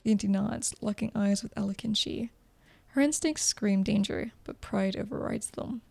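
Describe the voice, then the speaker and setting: A woman's voice: medium pitch, unhurried, creaky, warm tone, faint music behind. A woman reading a video game story aloud as dramatic narration. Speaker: gameplay commentator and narrator.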